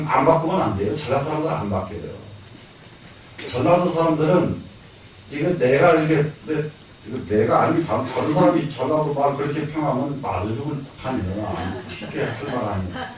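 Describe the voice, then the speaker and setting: Lecturing in a medium-pitched, lively voice at normal speed, this older monk speaks with a Jeolla Korean accent. He repeats his key lines, answers his own questions, and occasionally chuckles, recorded from a distance in an echoey hall with slight hiss or hum.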